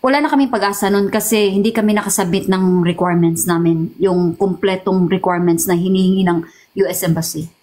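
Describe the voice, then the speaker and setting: A middle-aged woman from the Philippines shares an emotional personal testimony in an interview. She talks haltingly, often repeating and restarting words as she mixes in English. Her voice sits at an ordinary pitch. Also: a little mellow, poor audio. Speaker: interview guest.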